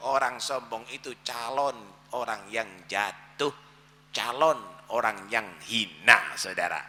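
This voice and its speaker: Bright-voiced, dramatic male preacher. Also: medium pitch, slow, long reverb tail, a little hiss or hum. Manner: dramatic storytelling, swings from loud to hushed. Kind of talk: sermon.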